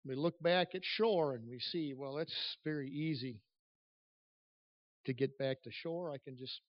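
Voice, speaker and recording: A man preaching a church sermon at a pulpit microphone, earnest and emphatic, speaking in halting phrases that swell and drop in volume. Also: mid-range voice. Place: large church room. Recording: echoey church PA, slightly dull.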